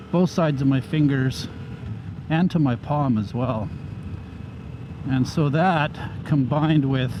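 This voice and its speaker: Man talking through a motorcycle helmet mic. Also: mid-range voice. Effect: talking through a motorcycle helmet microphone while riding. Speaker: motorcycle gear reviewer. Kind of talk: casual review narration while riding. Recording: muffled helmet mic with faint road noise. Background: faint traffic and engine sound.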